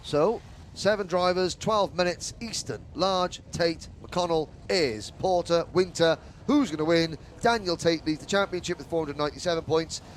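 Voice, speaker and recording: Male motorsport commentator, fairly high voice, chatty live race calling, jokey asides, clear trackside engine noise. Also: moderate pace.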